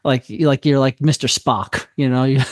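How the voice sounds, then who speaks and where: A man's voice: medium pitch, steady tone, a little slow, no room sound, clean studio sound. A man in a casual chat, agreeable and explanatory, repeating phrases as he makes his point. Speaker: teacher.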